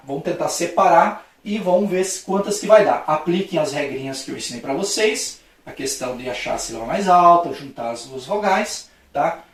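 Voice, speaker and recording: A Brazilian male teacher talks through a lesson in a very echoey room, his voice a little above average in pitch. He keeps checking in with the class after each point, in a friendly, patient way. He is heard from some distance off the mic. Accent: Brazilian Portuguese. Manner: friendly, with frequent checking "tá?" tags; acts out a playful street-shouting example for stress. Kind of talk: recorded video lesson at a board.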